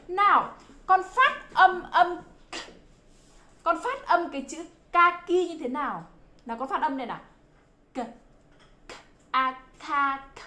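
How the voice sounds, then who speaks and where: Animated high-voiced woman teaching kids phonics. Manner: animated, exclamatory, drills sounds by repetition. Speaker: English teacher for children. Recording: roomy echo.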